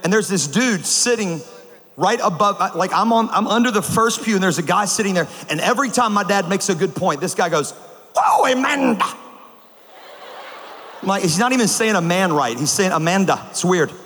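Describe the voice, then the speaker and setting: A high-pitched male preacher delivers a comedic sermon in a large auditorium, telling stories with animated energy and sudden shouts. His voice rings out with a long hall echo over a faint hum of ambience. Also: brisk. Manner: animated storytelling with bursts of shouting. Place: large auditorium with a live audience.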